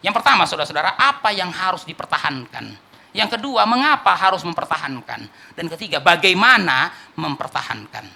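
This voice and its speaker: A man preaches a sermon as pastor, his voice bright and ringing. His pitch leaps around expressively as he fires off rhetorical questions. He swings between forceful peaks and hushed asides. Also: big pitch swings, fairly quick, creaky. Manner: preaching with rhetorical questions, acting out people he quotes.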